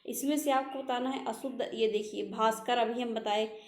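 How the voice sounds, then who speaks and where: A woman's voice: a little high, steady tone, normal speed, darkish tone, roomy sound. A woman teaching a Hindi spelling lesson for exam preparation, who goes through answers one by one, repeats the correct words and asks rhetorical questions.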